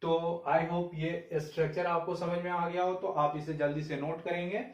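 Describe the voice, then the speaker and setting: A man teaching English grammar in Hindi, often asking himself questions and slowly dictating the example sentences word by word. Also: fairly high pitch, little pitch movement. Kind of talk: Hindi-language grammar lesson. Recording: echoey room, voice a bit far from mic.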